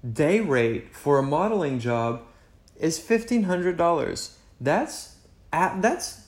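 A man's voice: fairly high pitch, expressive, slow. A young man chatting casually as a podcast co-host, rambling and full of "like" and "you know", a native Spanish speaker. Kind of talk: casual chat. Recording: echoey room.

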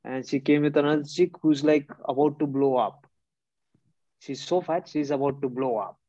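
A man's voice: fairly high pitch, normal speed, warm tone, dry recording. Blunt man telling a story, laughing. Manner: blunt, laughing, acts out both sides of an argument. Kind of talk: casual storytelling. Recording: dull lo-fi close recording.

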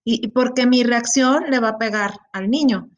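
A middle-aged woman with a Mexican accent chats in a relaxed group talk. Her voice sits a little high, and she tells stories in an animated, expressive way. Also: moderate pace, lo-fi sound. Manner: animated storyteller. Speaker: podcast co-host. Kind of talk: casual panel chat.

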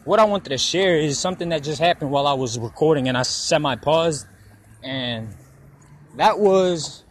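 Walking by a busy road, a man in his twenties talks for his podcast in a slightly high, expressive voice at a moderate pace. The monologue is casual and personal, full of rambling and free swearing, with passing traffic audible.

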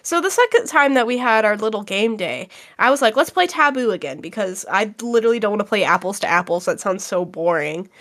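A woman's voice: mid-range voice, lively intonation, fairly quick, few pauses, a bit bright. A teenage girl co-hosting a casual podcast, chatty and laughing, full of fillers. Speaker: podcast co-host. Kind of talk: casual chat.

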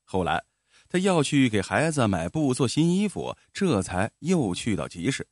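A man narrating a folk tale in an expressive storytelling manner. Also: medium pitch, moderate pace, no room sound, studio quality.

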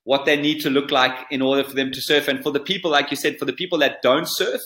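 A man with a South African accent, a surf coach being interviewed, talking in an animated, emphatic way and repeating phrases for effect. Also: medium pitch, quick pace, reverberant. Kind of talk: podcast interview.

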